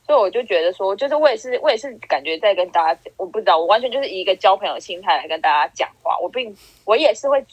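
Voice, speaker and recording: A woman's voice: medium pitch, animated, very fast, hardly any pauses, breathy edge, dry recording, dull audio. A young woman, co-hosting a casual podcast chat, rambling with many restarts. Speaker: podcast co-host.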